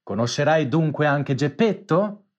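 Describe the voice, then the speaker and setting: A man voicing a large, kind pigeon in a storybook reading, in a calm, plain tone. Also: a little high, a little slow.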